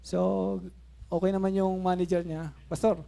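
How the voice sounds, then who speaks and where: High-voiced man in his fifties preaching. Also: normal speed. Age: 50s. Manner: animated, laughing asides, shifts from soft to shouting. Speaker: pastor. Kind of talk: Taglish sermon storytelling.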